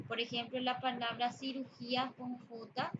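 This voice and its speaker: Woman teacher, slow careful explanations, higher voice, dull noisy recording. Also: level tone. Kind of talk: spoken grammar lesson. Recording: dull lo-fi audio with background noise.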